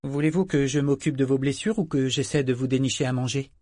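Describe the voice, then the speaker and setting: A man's voice: mid-range voice, fairly even intonation, fairly quick, warm tone, no echo, studio quality, voice pushed up, natural voice. A man voicing an anxious fourteen-year-old boy who speaks earnestly and pleads with his father.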